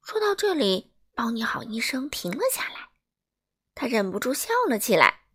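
A woman reading a children's picture book aloud in a lively, expressive, dramatic way. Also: a little high, moderate pace, husky. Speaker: storyteller for children.

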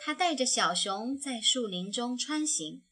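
A woman narrating a children's storybook in a soft, tender, slow manner. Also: a little high, expressive, husky, faint music behind.

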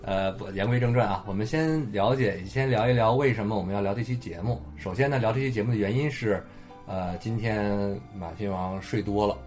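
A man's voice: fairly low pitch, a little fast, darkish tone, faint music behind. A man hosting a casual Chinese podcast chat with guests. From China. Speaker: podcast host.

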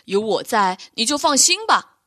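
A woman's voice: on the high side, very animated, moderate pace, fairly bright tone, no echo. A woman voicing a friendly, brave little male polar bear cub who talks eagerly and reassuringly in a bedtime storybook.

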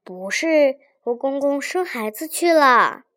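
A clever young wife answers softly and evenly, never rattled, voiced by a woman storyteller. Her voice is light and high, the pace slow and measured. It belongs in a folk tale read aloud. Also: lively intonation, dry recording, studio quality, heavily acted. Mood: sly. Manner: gentle, quick-witted, soft-spoken. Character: clever calm young daughter-in-law.

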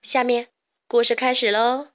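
A woman's voice: a little high, little pitch movement, unhurried, fairly bright tone. Upbeat woman introducing a children's story. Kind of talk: scripted introduction.

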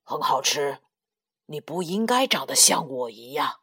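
A woman voicing a big, gruff tyrannosaurus father who is rough but caring, in a children's storybook reading, lower and louder than her own voice. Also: expressive, measured pace, exaggerated voice. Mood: firm. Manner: low, gruff and loud.

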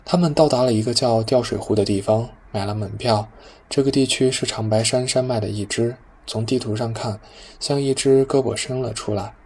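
A man narrating a novel as an audiobook, calm and even. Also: medium pitch, moderate pace, a little hiss or hum.

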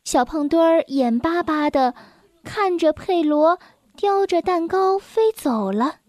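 A woman hosting and narrating a children's storybook in a gentle, expressive way. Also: very high-pitched, takes it slowly, dry recording. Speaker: storyteller host.

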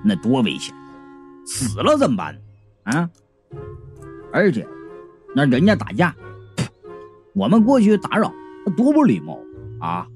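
A man's voice: wildly swooping pitch, faint music behind. A man voicing a laid-back, rule-bound male ghost constable in a comic audiobook, drawling his words. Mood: lazy. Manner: drawling, slow and low.

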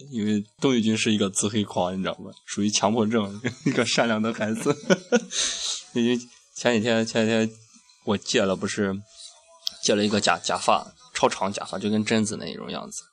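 A man hosting a radio show in a casual, irreverent chat full of crude slang. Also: on the low side. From Shaanxi, China. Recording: music behind the voice. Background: background music.

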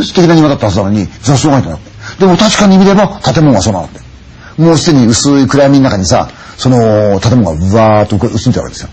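A man tells a ghost story in a husky, rasping voice at a very fast clip. His pitch swings widely as he punctuates the tale with vivid sound effects and snatches of acted voices. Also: a little mellow. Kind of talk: dramatic ghost story telling.

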